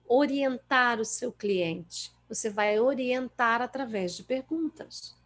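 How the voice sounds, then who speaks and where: A Brazilian woman trainer lectures on coaching with emphatic, lively delivery. Her voice sits a little high for a woman, and she acts out the replies of clients as she goes. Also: slow pace. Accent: Brazilian Portuguese.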